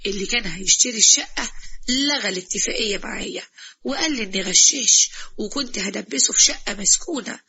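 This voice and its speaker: A woman's voice: medium pitch, quick pace, sharp tone, breathy edge, heavily acted. A woman playing a snappy Egyptian husband. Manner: snappy, complaining. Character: irritable young Egyptian husband.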